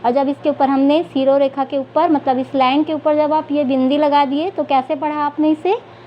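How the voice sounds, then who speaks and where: Woman, high-pitched, teacher, children's reading lesson, asks and answers her own questions, dull lo-fi sound. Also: little pitch movement. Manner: asks questions and answers them herself, drawn-out reading aloud. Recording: dull lo-fi recording with faint noise.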